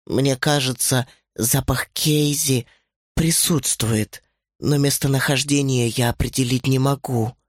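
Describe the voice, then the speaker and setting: A man voicing a puzzled nonhuman tracker who hunts by scent, speaking in a slow, hesitant, drawn-out way. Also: medium pitch, steady tone, no echo, clean studio sound, natural voice.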